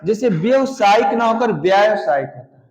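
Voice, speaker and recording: A man's voice: sits high, expressive, moderate pace. A man teaching an exam-prep grammar lesson in an explanatory way, often calling the students his friends. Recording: echoey room, dull lo-fi sound.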